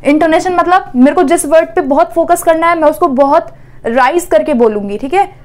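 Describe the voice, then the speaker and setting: A woman with a high voice delivers an exam-prep lesson. She explains step by step, asks her own questions and answers them, and checks in with her listeners after nearly every point. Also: moderate pace. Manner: explanatory, repeats "theek hai" often. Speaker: teacher.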